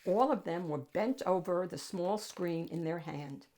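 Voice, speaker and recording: A woman with a mellow, somewhat low voice reads a picture book to young kids as a storytime host. She leans on dramatic pauses and lingers on key words.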